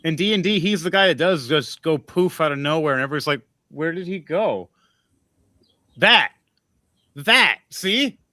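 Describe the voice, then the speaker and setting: A man's voice: a little high, expressive, moderate pace, pushed and bright, no room sound. A man hosting a podcast in casual chat, rambling and giving advice. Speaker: podcast host.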